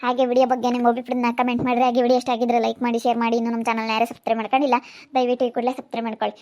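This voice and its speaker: A woman's voice: a little high, monotone, racing, darkish tone, highs cut off. A woman vlogger with a rural Karnataka Kannada accent, chatting to viewers and repeatedly pleading for their support. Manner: pleading, repeats requests to subscribe.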